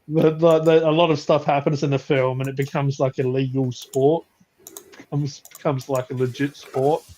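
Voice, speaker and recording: A man's voice: medium pitch, level tone, normal speed, darkish tone. A man chatting casually about films on a live stream, rambling with frequent restarts and laughs. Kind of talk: casual chat.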